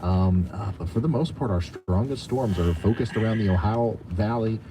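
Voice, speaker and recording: A man's voice: fairly low pitch, moderate pace, background noise. A man ad-libbing live severe weather commentary as a streamer, with a stop-start, hesitant delivery as he reads the situation. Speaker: live weather streamer giving storm coverage.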